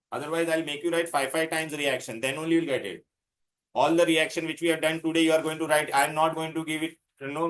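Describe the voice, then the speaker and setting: An Indian man teaches a class in a fairly high, bright, forceful voice. He repeats himself insistently and puts questions to his students. His English has Hindi words and phrases mixed in. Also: poor audio. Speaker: chemistry teacher.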